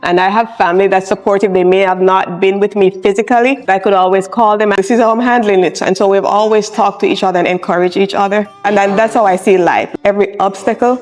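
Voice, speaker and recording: A woman, a charge nurse speaking in a personal interview in a soft-spoken, reflective, encouraging way. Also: mid-range voice, fairly even intonation, fast, few pauses. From Jamaica. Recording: soft music underneath.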